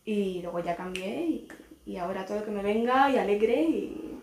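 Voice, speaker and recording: A woman's voice: medium pitch, normal speed, darkish tone, slight background noise. A woman, an actress, talking openly and reflectively as a guest in a casual podcast chat. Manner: open and reflective, laughs easily. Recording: roomy echo.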